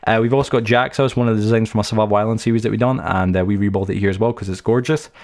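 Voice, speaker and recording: A young man talks quickly through a let's-play tour of his game world. His voice sits low, and he rambles from story to story with plenty of fillers and restarts. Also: fairly even intonation, darkish tone. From United Kingdom. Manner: chatty, anecdotal, many fillers and restarts. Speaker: gaming channel host.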